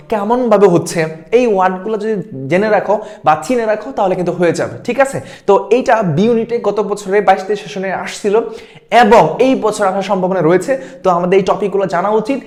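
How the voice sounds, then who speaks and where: A man's voice: sits high, a little mellow. A man teaching an exam-prep lesson, repeating words and checking in with his students. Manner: quick, repeats words, asks "ঠিক আছে?". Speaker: admission test tutor.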